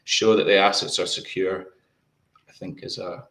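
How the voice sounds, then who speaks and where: A man with a low voice giving interview answers from an echoey room. He talks in a flat, even tone and often stumbles and repeats words before getting to his point. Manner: halting, many repeated words. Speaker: guest.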